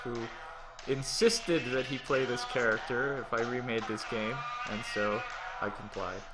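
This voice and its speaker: A man's voice: mid-range voice, fairly even intonation, measured pace, low-quality recording. Joking American man doing game commentary. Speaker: game creator giving commentary. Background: music and game dialogue.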